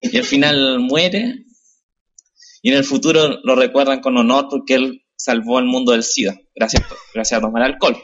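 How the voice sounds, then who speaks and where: A man's voice: mid-range voice, normal speed, fairly bright tone, lo-fi sound. A man with a Chilean accent, a guest in casual podcast chat, explaining things loosely and laughing.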